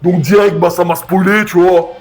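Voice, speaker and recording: Male YouTube reviewer, high voice, blunt and crude casual rant, heavy slang, music underneath. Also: steady tone, moderate pace.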